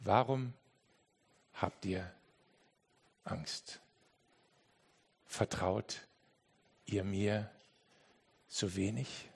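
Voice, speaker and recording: A man voicing Jesus as a calm, gentle adult man who speaks quietly and slowly. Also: medium pitch, gravelly, slightly rough, long reverb tail. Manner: quiet, soft, slow.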